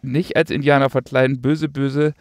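A man's voice: mid-range voice, flat delivery, normal speed, dry recording. A man co-hosting a casual podcast, talking sarcastically and rambling with many fillers. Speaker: podcast co-host. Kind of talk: casual chat.

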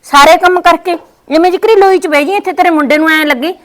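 Acting in a scripted family skit, this woman with a Punjabi accent voices a young, bossy, scheming daughter-in-law. She scolds and gives orders to her mother-in-law in a very high voice, speaking fast.

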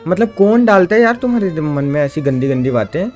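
A man's voice: fairly high pitch, big pitch swings, brisk, darkish tone, soft background music. A young man scolds a friend in a casual gaming vlog chat and keeps saying "bhai" and "yaar". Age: young adult. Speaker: gaming vlogger.

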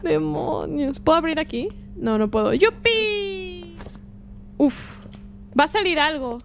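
Una mujer con acento mexicano que comenta su partida en directo, reacciona con gritos excitados y traduce lo que dicen los personajes. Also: female voice, high voice, normal speed, slight background noise. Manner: excitable, shrieking reactions, translating game lines. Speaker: streamer. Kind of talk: gameplay commentary. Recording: game music behind.

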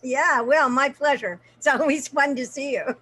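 A woman in her seventies, a guest actress chatting casually in an interview, bubbly and quick to laugh. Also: high-pitched, pushed and bright.

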